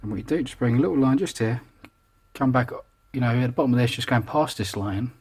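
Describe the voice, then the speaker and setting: Talking fast in a mid-range, darkish voice with a breathy edge, a man narrates a casual drawing tutorial as it happens. He's chatty and self-deprecating, and we hear him over the artwork without seeing him.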